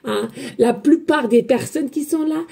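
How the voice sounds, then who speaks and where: A woman medium giving a spiritual guidance reading, talking loudly and emphatically and chatting with her viewers as friends. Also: sits high, measured pace, vocal fry. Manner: loud, emphatic, energetic talk. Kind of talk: casual spoken guidance to viewers.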